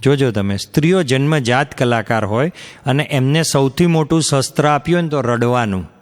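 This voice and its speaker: A man doing stand-up storytelling, acting out the people in his jokes with shifts of voice. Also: normal speed. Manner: acts out quoted characters with shifts in pitch. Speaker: stand-up comedian. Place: live comedy stage before an audience. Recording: hall reverb from a live stage.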